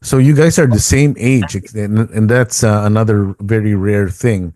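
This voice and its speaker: A middle-aged Filipino man hosting a radio talk show, speaking haltingly with many ums and uhs. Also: fairly low pitch, steady tone, mellow, no room sound, clean studio sound. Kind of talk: casual interview.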